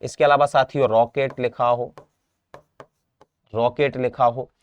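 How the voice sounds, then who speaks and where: A man's voice: medium pitch, flat delivery, measured pace, smooth, muffled recording. Young guy w rajasthani hindi accent teaching exam prep, repeats every word, asks if u get it, mid voice. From India. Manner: repetitive, drills each word, checks understanding. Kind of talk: exam-prep classroom lesson.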